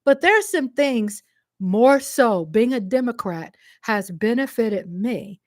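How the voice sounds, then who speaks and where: A Texan woman vlogger answers a commenter directly to camera, passionate and emphatic and repeating phrases for stress. Her voice sits on the high side with lively intonation and a slow pace, in a dry, clean studio recording.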